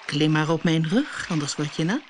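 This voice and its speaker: A woman voicing a sly, smooth-talking male fox in a storybook reading, speaking low and persuasively. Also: lively intonation, moderate pace, a little hiss or hum. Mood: coaxing.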